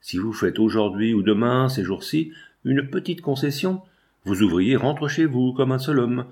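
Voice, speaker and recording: A man voicing an aging, scheming provincial deputy who pleads and insists in a low, wheedling way. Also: animated, normal speed, darkish tone, close to an everyday voice. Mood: insistent.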